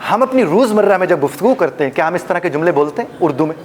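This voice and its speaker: A man's voice: high-pitched, expressive, fast, a little hiss or hum. A man teaching a live workshop audience, demonstrating pronunciations and joking with the room. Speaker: life coach and trainer.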